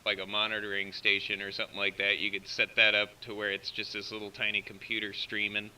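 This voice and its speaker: Heard distantly through a CB station's live feed, this American operator streams live and explains tech matters casually, one step at a time. He talks fast in a lowish, monotone voice that is bright and forceful, with slight background noise.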